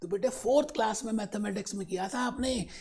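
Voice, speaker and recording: A man's voice: high voice, a little mellow, slightly rough. A man teaching a finance lecture, coaxing his students along and mixing in English terms. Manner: slows down for English definitions. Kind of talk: classroom lecture.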